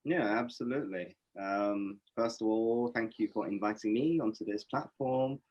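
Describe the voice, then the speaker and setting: Man, low-pitched, from Norway, reflective interview guest, fillers and restarts, webinar audio. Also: normal speed, dull audio. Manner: thoughtful, many fillers and restarts. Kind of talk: reflective conversational answers. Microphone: webinar video call.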